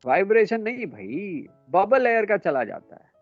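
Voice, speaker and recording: A man lecturing students in a classroom, brisk and a little scolding as he quizzes them. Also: sits high, very animated, no room sound, phone-quality sound, soft background music. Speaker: instructor.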